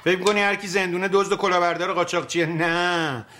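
A sitcom hustler, with a strikingly high, thin voice. He haggles, teases and bosses his brother about, sure of himself and streetwise. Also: steady tone, pushed and bright. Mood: haggling, cocky. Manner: bargaining, teasing, bossy. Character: scheming streetwise man, brother, ex-convict. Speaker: wheeling-dealing brother. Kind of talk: sitcom acting.

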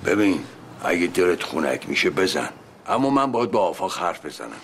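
An earnest, estranged husband. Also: male voice, low-pitched, slight background noise. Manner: earnest, calm, firm. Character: estranged, earnest middle-aged husband and father.

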